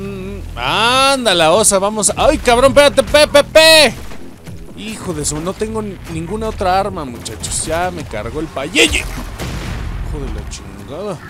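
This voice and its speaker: Mexican guy streaming a shooter, kinda high voice, swings up and down a lot, game music behind. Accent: Mexican Spanish. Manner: crude, excitable, yells and swears at enemies. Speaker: gaming channel host. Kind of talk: let's play commentary.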